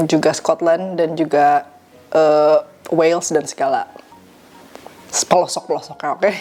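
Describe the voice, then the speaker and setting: Chatty young woman with a low voice. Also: mellow. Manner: chatty, mixes English phrases into her talk. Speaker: vlogger answering viewer questions. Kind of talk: casual Q&A vlog.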